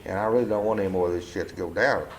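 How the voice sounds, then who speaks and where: A man's voice: low voice, crowd noise. A man in his seventies being interviewed at home about his life, speaking plainly and bluntly with some cursing, often stopping and restarting with "uh". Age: 70s. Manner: halting, with frequent restarts and "uh"s. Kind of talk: casual oral-history interview. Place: living room of his home.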